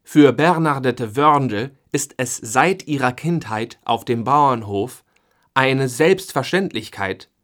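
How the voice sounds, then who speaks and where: A man presenting a segment and asking interview questions in a scripted listening-test recording, in a neutral, even reading. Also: mid-range voice, slow pace.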